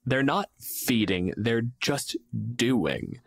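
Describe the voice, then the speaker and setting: This man speaks extremely slowly, his medium-pitched voice swinging widely in pitch, on a dry recording. A podcast co-host and game master, he argues his views bluntly in casual chat with lots of swearing.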